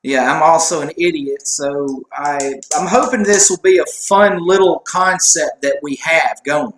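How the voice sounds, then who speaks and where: A man's voice: on the high side, a little slow, a bit bright, a little hiss or hum. A man co-hosting a casual sports chat show, rambling and joking at his own expense. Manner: rambling, joking, self-deprecating. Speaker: co-host. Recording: echoey room.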